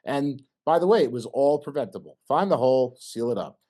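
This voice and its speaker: A middle-aged man gives an informal technical talk with slides. His pitch swings widely and animatedly. He jokes and throws questions to the audience. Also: brisk. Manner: lively, joking, asks audience questions. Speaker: presenter at an engineering society meeting.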